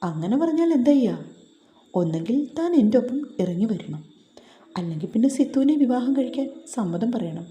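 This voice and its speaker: A woman's voice: a little high, sing-song, moderate pace, dark tone. A woman voicing a reserved young man, a stern office boss who asks brusque, clipped questions. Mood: pressing. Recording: roomy echo.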